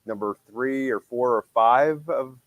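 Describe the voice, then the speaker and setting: A man's voice: medium pitch, a little slow, no echo, poor audio. A man hosting a casual podcast, his voice nasal from a cold, upbeat and promotional. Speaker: podcast host.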